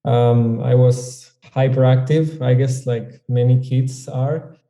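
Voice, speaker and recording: A man from Argentina, a Spanish speaker, talking as a yoga teacher guest in a relaxed, thoughtful way. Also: mid-range voice, slow pace. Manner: relaxed, thoughtful, with fillers and some restarts. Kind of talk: casual interview. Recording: echoey room.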